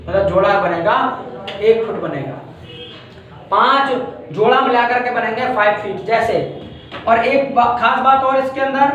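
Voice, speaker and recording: Indian male teacher, high voice, distant mic in a very echoey classroom. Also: fairly bright tone, muffled recording. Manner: explains step by step, repeats points, checks with "thik hai". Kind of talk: classroom lecture. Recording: very echoey room from far off.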